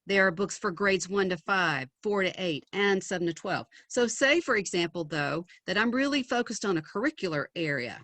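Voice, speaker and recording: A woman's voice: medium pitch, animated, normal speed, few pauses, a bit bright, no echo. A woman presenting an educational website in a webinar, upbeat and chatty, with frequent ums. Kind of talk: screen-share webinar demo.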